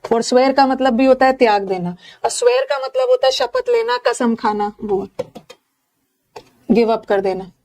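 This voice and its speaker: A woman's voice: on the high side, moderate pace, a little mellow. Indian woman teaching vocabulary in a live class. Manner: explains each word with jokes and Hindi memory tricks.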